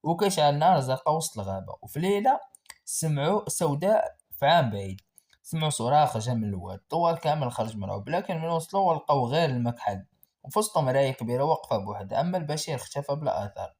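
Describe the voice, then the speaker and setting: A man's voice: on the high side, big pitch swings, racing, darkish tone. A man with a Moroccan accent narrating a horror story in a dramatic, suspenseful way.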